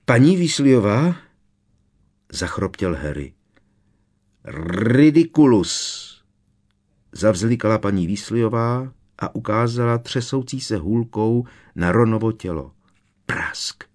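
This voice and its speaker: A man reading a fantasy novel aloud as an audiobook narrator, in measured, dramatic storytelling. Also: on the low side, lively intonation. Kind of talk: scripted narration.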